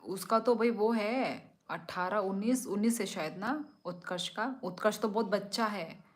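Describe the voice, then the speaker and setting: A woman's voice: medium pitch, moderate pace. Chatty young woman hosting a live stream. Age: young adult. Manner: chatty, teasing, laughs often. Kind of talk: casual live chat reading comments.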